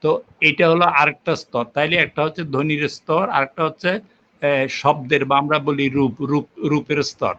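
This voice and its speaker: Older professor lecturing patiently, lo-fi. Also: male voice, fairly high pitch, level tone, normal speed, bright, forceful tone, slight background noise. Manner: patient, lecturing with examples and fillers. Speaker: linguistics professor. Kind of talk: explanatory academic interview. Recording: muffled lo-fi recording.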